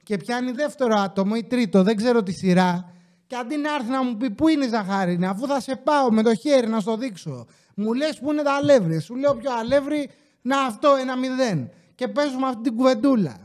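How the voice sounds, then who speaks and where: Man, podcast host, casual comic storytelling, animated, swears a lot, high pitched, warm tone. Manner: animated, swears freely, acts out quotes from customers.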